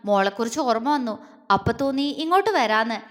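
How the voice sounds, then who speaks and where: A woman's voice: a little high, animated, fast, natural voice. A woman voicing a kind, doting man who speaks like an affectionate elder brother. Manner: warm, affectionate. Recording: long hall reverb.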